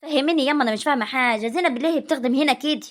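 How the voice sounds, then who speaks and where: A woman's voice: high-pitched, rapid-fire, natural voice. A woman voicing an emotional grown daughter home from abroad, talking effusively and tearfully. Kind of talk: comic family drama acting.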